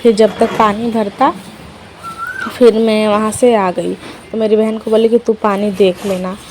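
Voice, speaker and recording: A woman's voice: medium pitch, little pitch movement, unhurried, background noise. A young woman telling her day in a chatty vlog voice-over, talking to viewers as friends. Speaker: vlogger. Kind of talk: casual vlog voice-over narration. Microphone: voice-over dubbed at home.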